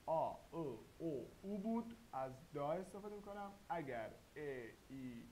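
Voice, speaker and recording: Man, language teacher, careful spelled-out explanations, raised pitch, light background hiss. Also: expressive, dark tone, rough recording. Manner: slow, deliberate, spells out sounds one by one. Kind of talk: grammar lesson. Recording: faint hiss.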